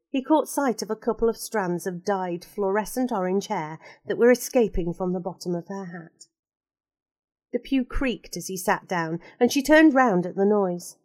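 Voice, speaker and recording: Expressive woman reading a storybook. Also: medium pitch, dry recording. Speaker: narrator.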